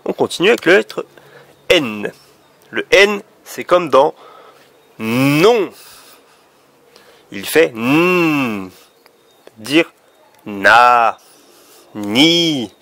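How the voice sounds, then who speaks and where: Male phonics teacher, unhurried, gravelly voice, patient and clear with small kids. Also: a little high, sing-song, fairly bright tone, dry recording. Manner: patient, drawing out each letter sound. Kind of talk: phonics lesson for young children.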